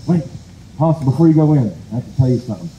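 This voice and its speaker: A man voicing a sly male rabbit trickster in a told folk tale, breezy and smooth-talking. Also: medium pitch, animated, rapid-fire, warm tone, reverberant, dull audio, slight background noise, lightly acted. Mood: scheming.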